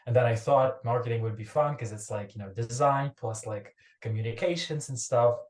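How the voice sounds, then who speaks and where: At a normal speed and medium pitch, a young man from Ukraine who founded a startup speaks casually on a podcast, wandering off and restarting his sentences. The remote recording has a roomy echo.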